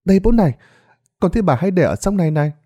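A high, strained voice for a village mourner or a small boy, put on by a man reading a ghost story. The tone is mellow and dark. The sound is dry and close. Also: sing-song, rapid-fire, no echo. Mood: eager. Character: wailing daughter-in-law and young village boy.

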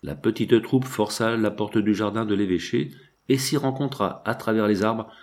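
A man reading a classic novel aloud as an audiobook, in a steady, measured storytelling manner. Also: fairly low pitch. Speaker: audiobook narrator. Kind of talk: scripted audiobook narration.

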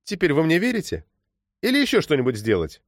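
A man voicing a stubborn, tearful ten-year-old girl who pleads in a high voice. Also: huge pitch swings, quick pace, no room sound, clean studio sound. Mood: coaxing.

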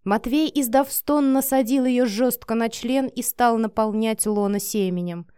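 A woman narrating an erotic audiobook in a soft, sensual, measured voice. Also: a little high, clear, resonant tone, dry recording, clean studio sound. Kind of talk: reading an erotic story aloud.

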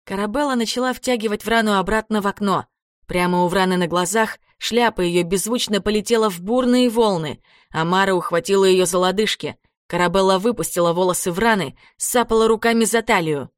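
A woman's voice: mid-range voice, fairly quick, no room sound, clean studio sound. Woman narrating a dramatic audiobook. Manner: dramatic, expressive.

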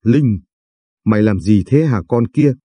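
A man's voice: fairly low pitch, animated, unhurried, husky, no echo. A man voicing a furious, heartbroken young wife who hurls accusations at her husband. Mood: enraged. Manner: shouting accusations.

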